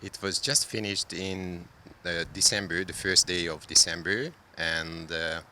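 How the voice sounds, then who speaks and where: A man's voice: low voice, steady tone, a little slow, sharp tone, a little hiss or hum. A man from Hungary, answering interview questions about a public art project, hesitating often with fillers. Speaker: interviewee, solar art creator.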